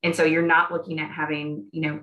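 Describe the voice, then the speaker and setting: A woman's voice: deep voice, flat delivery, brisk, fairly bright tone, poor audio. A woman in her thirties on a video call, giving an upbeat, persuasive webinar panel answer with a lot of "like". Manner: upbeat and persuasive, often saying "like". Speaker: guest panelist, dairy industry outreach. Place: small room at home. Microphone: built-in mic on a video call.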